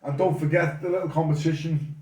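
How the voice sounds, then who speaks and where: A man's voice: a little high, steady tone, fast talker, dark tone. Merseyside man hosting, echoey and off-mic. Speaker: interview host. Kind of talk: casual chat interview. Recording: echoey room, distant mic.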